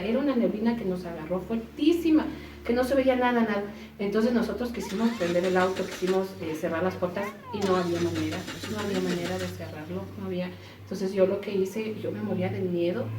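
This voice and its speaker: A woman casually telling a personal story, acting out quoted voices with sudden jumps in pitch. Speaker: storyteller recounting an experience. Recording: roomy echo, voice from a distance, faint noise.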